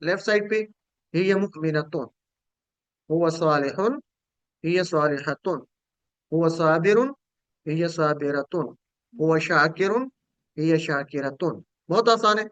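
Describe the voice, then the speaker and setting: A man's voice: fairly high pitch, slow, long pauses, a bit bright, dry recording, lo-fi sound. A man teaching an online Quranic Arabic grammar lesson in speech, patiently drilling word pairs and prompting students to repeat. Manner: patient, repetitive drilling with call-and-response prompts.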